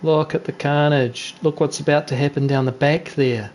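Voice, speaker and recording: Chatting casually during a live-streamed online race, a New Zealand man teases other drivers through his gaming headset. His voice sits a little high with a darkish tone and fairly even intonation, at a moderate pace. There is a little hiss or hum.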